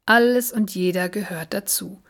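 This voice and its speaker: A woman voicing a gentle, wise animal friend in a storybook reading, explaining calmly and patiently. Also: medium pitch, normal speed. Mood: patient, warm.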